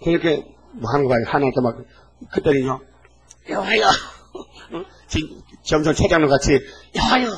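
An elderly male pastor in his eighties delivers a sermon with a voice sitting a little high for a man. He preaches in a lively, folksy manner, constantly pulling the listeners in with quick rhetorical questions. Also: creaky, poor audio. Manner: animated, folksy preaching with frequent rhetorical "eh?" checks.

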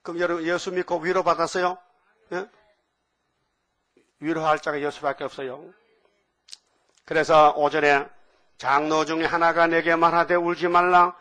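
A man's voice: fairly high pitch, normal speed, pauses often. An older man preaching a sermon, asking the congregation question after question. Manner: animated, asks the audience questions.

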